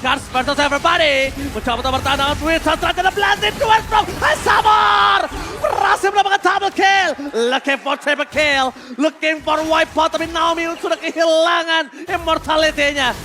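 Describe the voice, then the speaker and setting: A man with an Indonesian accent commentating esports like a hyped game announcer, excitedly shouting and mixing in English phrases. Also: very high voice, moderate pace. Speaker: esports play-by-play caster. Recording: loud music and crowd behind. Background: music and crowd.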